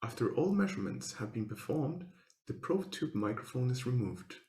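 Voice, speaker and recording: Speaking as a researcher, this man gives a formal technical talk from a script, moving through it in careful, stepwise phrases. His voice sits in the middle range, swings widely in pitch, sounds warm, and echoes around the room.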